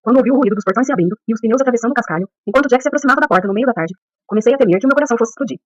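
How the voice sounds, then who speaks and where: A woman narrating a first-person audiobook at a brisk, rushing pace. Her reading stays steady and even. The sound is muffled and very dry, with no room around it. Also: fairly high pitch, dry recording.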